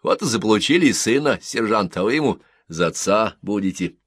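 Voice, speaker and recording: A man reading the parts of jovial soldiers who tease and coax a child in loud, cheerful voices. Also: on the low side, lively intonation, brisk, slightly rough, no room sound. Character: hearty joking soldiers, adult men.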